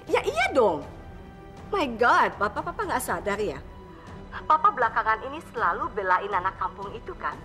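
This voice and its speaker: A woman's voice: a little high, big pitch swings, normal speed, bright, forceful tone. An actress playing a wealthy mother in a panic over her missing daughter, dramatic, dropping English exclamations into her lines. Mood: accusing. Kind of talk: TV drama acting. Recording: faint music underneath.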